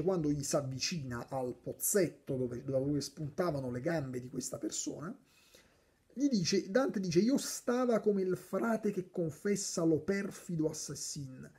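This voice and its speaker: Mellow, dark-toned speaker, casual poem explanation, conversational, restarts mid-sentence. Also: mid-range voice. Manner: conversational, thinks aloud with restarts. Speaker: literature explainer.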